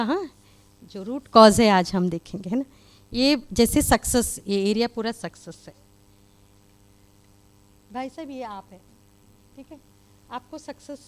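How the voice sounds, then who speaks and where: A woman spiritual speaker giving a conversational talk to a live audience, with many fillers. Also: on the high side. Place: meditation hall with live audience.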